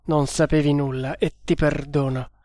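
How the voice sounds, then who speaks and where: A man's voice: fairly high pitch, level tone, normal speed, warm tone, no echo, close to an everyday voice. A man voicing a passionate, vengeful young male hero who makes fierce, impassioned declarations in an audiobook. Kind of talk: audiobook character voice.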